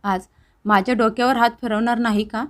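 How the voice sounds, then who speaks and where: स्त्री निवेदिका साकारत असलेला पश्चात्तापाने भरलेला कळकळीचा मुलगा. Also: male voice, very high voice, steady tone, a little fast, fairly bright tone. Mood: pleading. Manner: pleading, earnest and tearful. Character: remorseful grown son, emotional family man.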